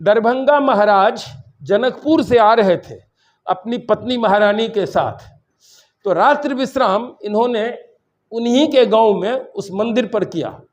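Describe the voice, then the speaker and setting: Older man, from Bihar, seminar speech, high-pitched, rambling storyteller, mixes in English. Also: measured pace. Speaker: university vice-chancellor giving a seminar address. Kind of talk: public lecture speech.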